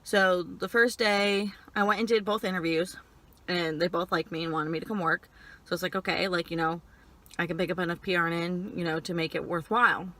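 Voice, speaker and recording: A young woman telling personal stories casually while eating and chewing, in halting phrases peppered with "like". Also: lowish voice, fairly even intonation, pushed and bright. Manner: frequent filler "like", halting stop-and-start phrasing. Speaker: vlogger. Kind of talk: casual personal storytelling chat.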